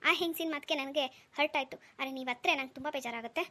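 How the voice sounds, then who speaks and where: A woman's voice: high voice, fast talker, pushed and bright. A woman voicing a protective husband and father in a cartoon, scolding and soothing by turns. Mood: consoling. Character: protective husband and father, stern yet tender. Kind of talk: cartoon dialogue.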